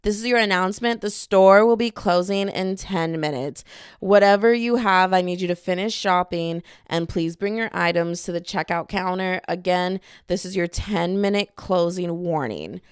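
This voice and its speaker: A podcast host, a woman, mimicking a slow, loud store closing announcement. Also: fairly low pitch, clean tone, dry recording, clean studio sound, lightly acted. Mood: mock-official. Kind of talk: casual chat.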